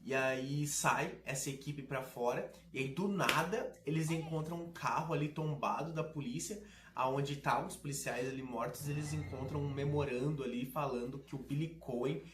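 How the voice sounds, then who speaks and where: A man talks through a video game with casual, sarcastic and slangy commentary. His voice sits at a middle pitch. The recording has a roomy, echoing sound. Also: moderate pace, hardly any pauses, noisy background. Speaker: gaming video host. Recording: roomy echo.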